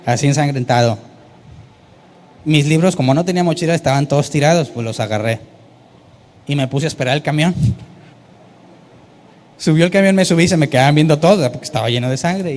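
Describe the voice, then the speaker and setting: Male pastor, animated sermon storytelling with acted-out quotes; voice sits a little high.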